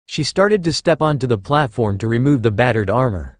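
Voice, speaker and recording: A man reading a fan-fiction story aloud as narrator, in an animated storytelling way. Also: medium pitch, fairly quick, no room sound.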